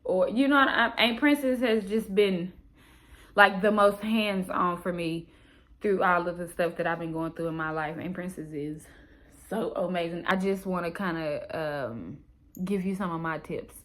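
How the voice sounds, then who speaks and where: An American woman vlogging casually, talking in a candid, expressive, slangy way and reading from her own journal. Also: fairly low pitch, unhurried.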